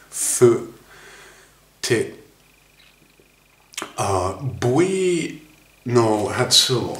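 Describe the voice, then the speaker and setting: Male tutor, unhurried, demonstrates sounds, roomy recording. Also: lowish voice. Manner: relaxed, demonstrating sounds slowly with many fillers. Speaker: English pronunciation teacher. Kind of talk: casual on-camera lesson. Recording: echoey room.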